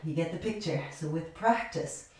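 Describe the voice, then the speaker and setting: A woman's voice: deep voice, expressive, normal speed, darkish tone, distant mic. Echoey, breathless woman yoga teacher. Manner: chatty, encouraging, self-deprecating, counts reps aloud. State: out of breath while exercising. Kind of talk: guided yoga class instruction. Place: yoga studio.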